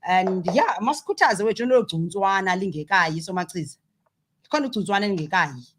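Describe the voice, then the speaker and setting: A woman's voice: mid-range voice, brisk, slight background noise. A woman with a South African Xhosa accent presenting a conversational radio interview, talkative and emphatic as she switches between two languages.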